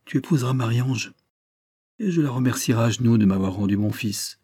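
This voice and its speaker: A gruff old corsair father from a storybook, quick to exclaim and swear, as a man reads him. His voice sits dark and husky. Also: mid-range voice, lightly acted. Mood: gruff emotional.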